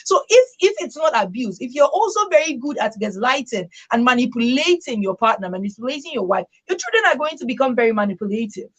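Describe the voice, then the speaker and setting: Speaking fast with few pauses, a radio talk show host uses a fairly high, sing-song voice, captured on a rough recording. She's emphatic throughout, repeating phrases to drive her points home and checking with "right?"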